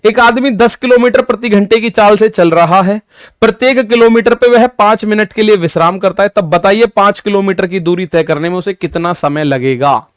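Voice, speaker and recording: A man's voice: high voice, normal speed, clean tone, no room sound, clean studio sound. A male maths teacher giving an exam-prep lesson, explaining step by step, repeating key points and talking directly to his students.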